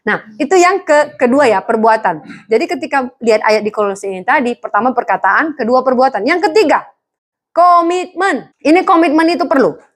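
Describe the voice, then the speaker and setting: Lively high-voiced woman preacher. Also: moderate pace. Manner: lively preaching with jokes and acted-out dialogue. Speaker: pastor. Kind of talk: sermon to students.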